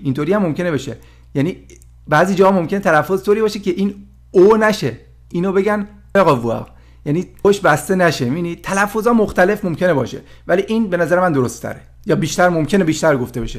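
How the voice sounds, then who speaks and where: A man giving a casual language lesson, explaining pronunciation slowly and repeating each sound aloud. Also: high voice. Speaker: French teacher.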